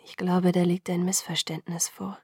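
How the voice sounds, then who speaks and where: A woman voicing a brooding young male vampire in a whispered role-play, speaking slowly, low and earnest. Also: little pitch movement, slightly rough, no echo, studio quality. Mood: hushed earnest. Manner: hushed, low, slow and earnest.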